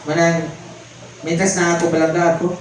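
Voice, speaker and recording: A man's voice: on the high side, completely flat delivery, brisk. A man preaching a conversational sermon, mixing in English and calling out to the congregation. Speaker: pastor. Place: church hall. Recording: very echoey church hall, faint background noise.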